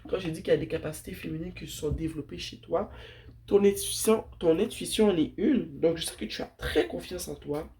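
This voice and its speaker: This tarot reader has a low, warm voice and a brisk delivery. Sounding stuffed up and nasal from a sniffly nose, she addresses her viewers in an informal, affectionate way while sharing spiritual guidance.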